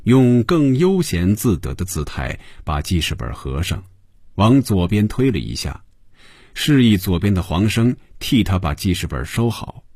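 A man narrating a story in a lively, expressive storytelling manner. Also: deep voice, measured pace, slightly rough, no room sound, studio quality. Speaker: audiobook narrator.

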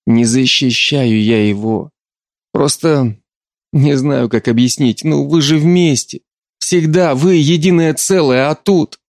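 Dude doing a stubborn young daughter, raised pitch, dry close audiobook. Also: male voice, takes it slowly, a little mellow, no room sound. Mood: pleading. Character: young adult daughter, frustrated and insistent.

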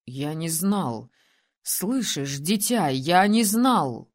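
A woman's voice: sits low, big pitch swings, extremely slow, heavily acted. Woman doing an ancient, condescending male keeper. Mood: calm. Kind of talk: audiobook character voicing.

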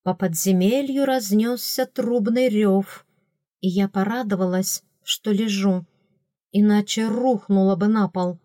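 Woman narrator, middle-pitched voice, expressive first-person audiobook read, dry booth sound. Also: a little slow, no echo. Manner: expressive, voicing characters with raised pitch.

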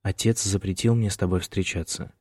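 A quiet, tearful young student speaks softly over the phone, as a man reads him. The voice is low and the sound dry and close, in a storybook reading. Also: fairly even intonation, fairly quick, husky, no echo. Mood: sad.

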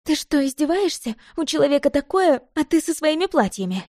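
Woman doing a sharp indignant young woman. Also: high voice, sing-song, a little fast, no echo, studio quality, voice pushed up.

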